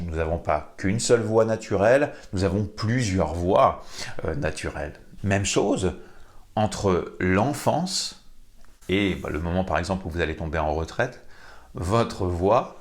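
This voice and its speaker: A man who works as a vocal coach, giving an animated lesson to camera and putting questions to the viewer. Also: sits low. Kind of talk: teaching video to camera.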